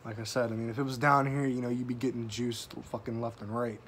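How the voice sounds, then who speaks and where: A man's voice: mid-range voice, flat delivery, fast talker, fairly bright tone, a little hiss or hum. A man giving a casual, sweary, folksy review to camera, talking with a tobacco pouch tucked in his lip. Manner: casual, profanity-laden, folksy slang. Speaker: product reviewer.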